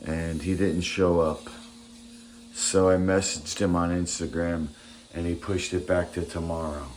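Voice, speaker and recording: A man's voice: sits low, little pitch movement, unhurried, darkish tone. A man rambling casually in a morning vlog, his speech slightly thick from a swollen, bitten tongue. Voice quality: slightly thick, impeded articulation. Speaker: vlogger. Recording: roomy echo, faint background noise.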